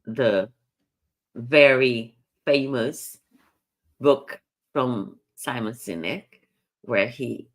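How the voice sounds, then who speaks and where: Slow, low-voiced woman coaching. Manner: earnest, explanatory, with frequent restarts. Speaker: communication coach. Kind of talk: live coaching talk.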